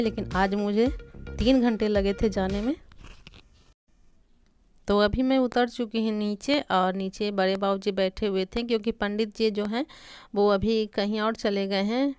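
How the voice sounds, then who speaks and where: A young woman narrating a family vlog, chatty, walking viewers from room to room. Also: medium pitch. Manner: chatty, guides viewers around while walking. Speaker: vlogger. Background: music.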